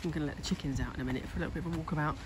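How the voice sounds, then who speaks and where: Walking through a garden building site with her handheld phone camera, a woman chats and thinks aloud about her home renovation. She speaks very fast in a deep voice, against heavy background noise.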